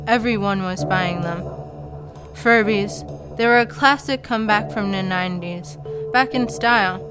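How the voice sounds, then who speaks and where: A woman's voice: medium pitch, unhurried. Sarcastic woman telling a comedy story. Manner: casual and sarcastic. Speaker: narrator. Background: faint background music.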